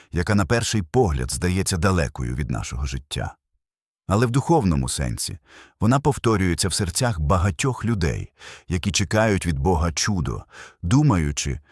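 Male preacher, very low and husky, solemn emphatic sermon read, lively rising and falling delivery. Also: dry recording, studio quality. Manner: solemn, emphatic, builds with short repeated phrases. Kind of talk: scripted sermon narration.

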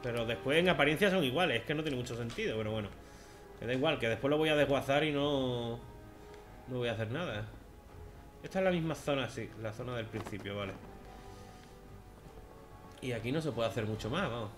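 A man's voice: medium pitch, a little fast, pauses often. Sarcastic Spanish gamer man. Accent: Spain Spanish. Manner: chatty and sarcastic, with sudden loud outbursts. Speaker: gaming video host. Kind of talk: let's-play commentary. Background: game music.

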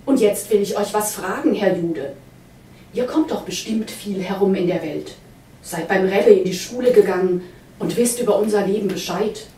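A woman's voice: medium pitch, normal speed, mellow, lightly acted. Brief: childlike, trusting young wife, read by a woman, echoey room. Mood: eager naive. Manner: earnest, childlike questioning. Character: naive young innkeeper's wife, trusting and eager. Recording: roomy hall, voice from a distance.

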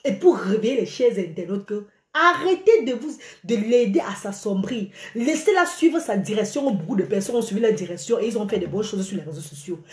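Here a middle-aged Cameroonian woman talks fairly quickly at medium pitch, ranting to followers on a phone livestream. Exclamations and lots of gesturing mark her delivery, and the arm's-length phone in a small curtained room captures a roomy sound.

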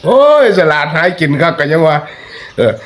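A man's voice: on the high side, expressive, fairly quick, a bit bright. A man with an Isan accent giving chatty, folksy spoken commentary that turns into preachy warnings to his listeners. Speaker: online commentator.

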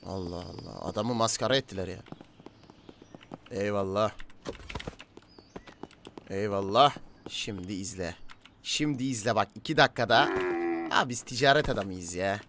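A man giving casual let's-play commentary, chatting to game characters and his viewers, swinging from low mutters to loud calls. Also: normal speed, pauses often, a little hiss or hum. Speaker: gaming YouTuber.

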